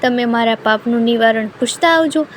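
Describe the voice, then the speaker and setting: A sad talking horse from a storybook asks for help in a high, gentle voice, as a woman reading the tale puts it on. It pleads softly and sorrowfully. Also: moderate pace, slight background noise, lightly acted. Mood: pleading. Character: sad handsome horse nobody rides.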